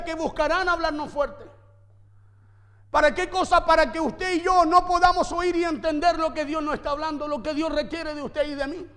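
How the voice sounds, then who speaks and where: A man preaching as pastor, his voice strikingly high for a man. He drives his points with repeated phrases and rhetorical questions. The sound rings with the long reverb of a church hall. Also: fairly bright tone. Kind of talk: sermon.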